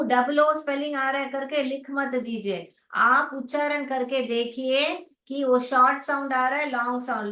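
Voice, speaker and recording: Slow, drawn-out woman teaching phonics. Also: sits high, fairly bright tone, recorded from a distance. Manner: slow, drawn-out sounding of letters and words; reads out students' chat answers and praises them. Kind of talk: online class, explaining in Hindi with English terms. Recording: echoey room, voice away from the mic.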